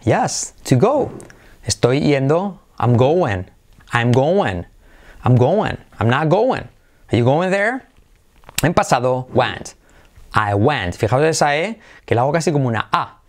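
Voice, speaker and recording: A man's voice: mid-range voice, takes it slowly. Guy teaching english in spanish, repeats stuff a lot, keeps going "all right? yes?". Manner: lively, drills phrases by repeating them, checks in with "¿sí?" and "all right". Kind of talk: bilingual language lesson.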